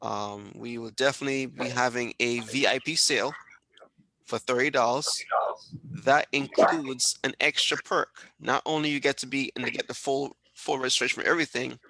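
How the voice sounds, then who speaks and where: Mężczyzna prowadzący webinar przez połączenie wideo, mówi z kaznodziejskim zapałem i powtarza hasła dla podkreślenia. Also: male voice, medium pitch, steady tone, moderate pace, creaky, sharp tone, no echo, rough recording. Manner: preachy, rallying, repeats for emphasis. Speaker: host. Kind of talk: motivational webinar hosting. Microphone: video call.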